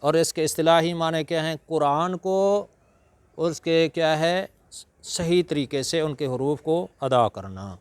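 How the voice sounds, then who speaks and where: Smooth-voiced preacher, measured. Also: male voice, on the high side, no room sound. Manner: slow, measured teaching with drawn-out Arabic recitation. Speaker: Quran reciter and preacher. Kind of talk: religious lecture.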